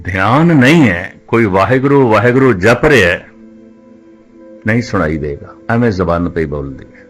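A male Sikh preacher giving a religious discourse, speaking slowly and deliberately, repeating phrases and drawing out scripture lines in a sung cadence. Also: fairly low pitch, lively intonation, a bit bright, faint music behind.

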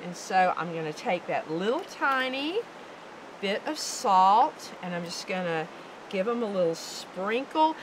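A Southern American woman in her fifties, appearing as a guest cook, gives an upbeat, instructive cooking demo on an outdoor deck. Her medium-pitched voice swings widely in pitch and moves unhurriedly. The audio is poor, with outdoor background noise.

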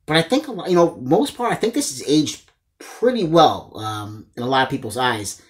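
Speaking at a moderate pace with big swings in pitch, this forties-aged host of a movie collecting channel presents his haul to the camera. His voice is of average pitch, and his delivery is chatty, upbeat and casual as he addresses viewers as "guys" from a small room full of disc shelves.

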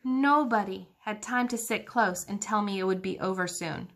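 A woman's voice: mid-range voice, normal speed. A woman teacher reading a children's book aloud, engaging her young listeners with questions about the pictures.

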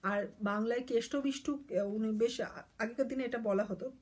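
A woman's voice: on the high side, moderate pace, darkish tone. A woman vlogger reading a poem aloud and explaining it casually, with many hesitations and self-corrections.

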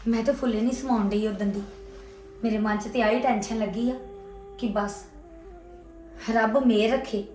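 A woman's voice: fairly high pitch, lightly acted. An actress playing a grateful young mother chatting with her mother-in-law. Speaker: actor. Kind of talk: family drama acting. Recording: echoey room, mic at a distance.

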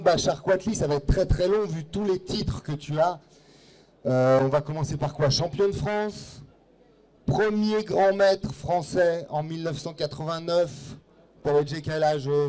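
Event host guy on a handheld mic, upbeat and teasing, kinda high voice. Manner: lively, teasing introductions. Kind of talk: live stage presentation. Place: live chess event.

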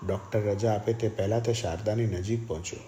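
A man with a lowish voice narrates an audiobook in a steady, measured way. A faint hiss runs quietly under his reading.

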